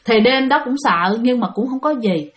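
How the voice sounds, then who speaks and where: A woman's voice: a little high, expressive, normal speed. A woman telling a ghost story in a chatty way, often addressing her listeners directly.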